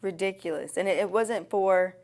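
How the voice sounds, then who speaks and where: A woman's voice: on the low side, steady tone, normal speed. A woman giving candid, conversational answers as an interviewee. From Nashville, Tennessee.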